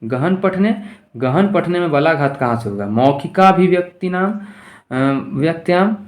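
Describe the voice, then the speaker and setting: A man with a fairly high voice teaches an exam-prep lesson. He reads questions aloud, then explains them with rhetorical questions to the class. His pace shifts between slow, stretched-out words and quick bursts. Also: lively intonation. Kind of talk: exam-prep lesson going through multiple-choice questions.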